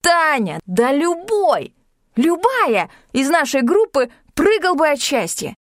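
A woman reading an audiobook, voicing an eager, excitable young man obsessed with mountains. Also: high-pitched, takes it slowly, dry recording, clean studio sound, voice pushed up, heavily acted. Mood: excited. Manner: eager, pleading and loud. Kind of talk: audiobook character voice.

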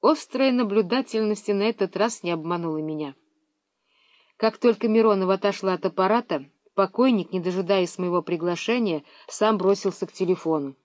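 A woman reading a children's story aloud in an even, measured storytelling manner. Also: medium pitch, no room sound, clean studio sound.

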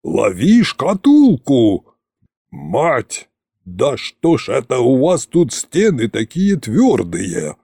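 A man's voice: mid-range voice, wildly swooping pitch, slow pace, vocal fry, dark tone, breathy edge, no echo, clean studio sound, full character voice. A man voicing a bony undead tsar-sorcerer who bellows and curses in a storybook reading. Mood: furious shouting. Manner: bellowing, cursing. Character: bony undead male tsar-sorcerer, hot-tempered and bossy.

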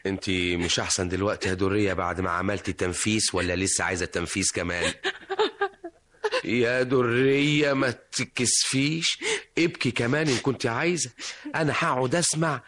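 A man's voice: mid-range voice, brisk, a bit bright, close to an everyday voice. An actor playing a cheeky, teasing young man in an old Egyptian radio drama, with an Egyptian accent. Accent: Egyptian Arabic. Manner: teasing, coaxing. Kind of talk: vintage radio drama acting.

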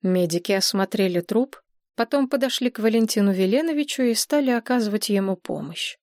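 A woman reads an audiobook in an even, measured way, mid-pitched for her sex. The recording is dry and close, with no room sound. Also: dry recording. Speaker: audiobook narrator. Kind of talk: scripted audiobook narration.

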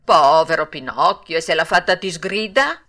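Lucignolo, a woman doing a cocky loud schoolboy. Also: sits low, expressive. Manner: brisk, emphatic and sure of himself. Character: cocky schoolboy friend, restless and teasing.

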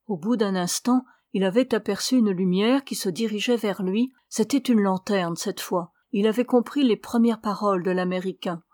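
A woman narrating a novel as an audiobook, with a steady, measured delivery at a middling pitch. The sound is dry and close, with no room sound. She carries the story at a calm, even pace. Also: no room sound. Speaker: audiobook reader. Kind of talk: reading a novel aloud.

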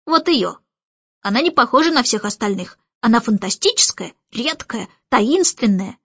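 A woman's voice: a little high, expressive, normal speed, fairly bright tone, husky, dry recording, dull audio, heavily acted. Woman voicing a cheeky mocking starling. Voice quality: teasing, sly. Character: cheeky chattering male starling bird, mocking.

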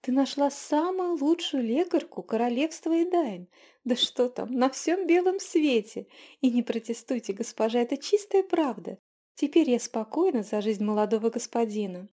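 A woman's voice: on the high side, lively intonation, moderate pace, dark tone, pitched above the performer's own voice. Woman doing a gushing, fussy innkeeper. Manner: gushing, fawning, breathless.

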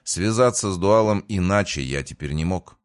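A man calmly narrating a first-person audiobook in a measured way. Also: low voice, smooth, no room sound, studio quality.

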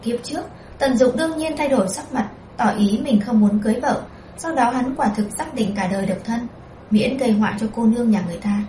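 A woman narrating a historical novel as an audiobook, in a measured storytelling voice, in a roomy, distant recording. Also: a little high, dark tone, a little hiss or hum.

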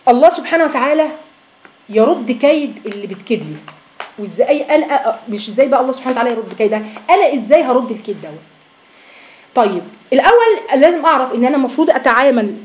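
A woman with an Egyptian Arabic accent giving a religious lesson to women, emphatic, asking her listeners questions and rising to loud exhortation. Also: fairly high pitch, roomy sound, rough recording. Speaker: religious teacher.

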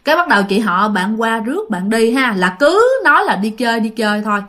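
A woman's voice: on the high side, big pitch swings, brisk, a bit bright. A woman telling a ghost story in a chatty, informal way, speaking straight to her listeners.

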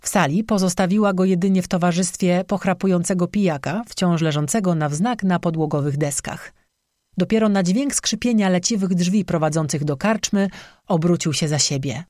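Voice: medium pitch, normal speed, darkish tone, no echo, studio quality. A reader giving vivid scripted narration of a folk legend. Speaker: audiobook narrator.

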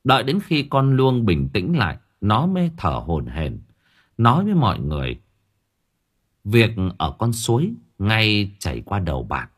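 Deep expressive male audiobook narrator. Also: measured pace, husky. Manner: expressive storytelling. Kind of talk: scripted story narration.

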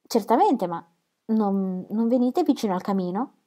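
A woman reading as a brisk, courteous male painter. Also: mid-range voice, expressive, mellow, lightly acted.

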